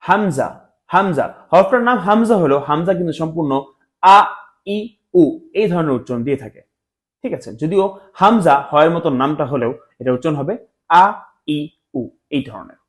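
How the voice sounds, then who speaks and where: A man teaching Arabic letter pronunciation in a lesson, repeating each letter slowly and mixing in English words. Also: on the high side, animated. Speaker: Quran teacher.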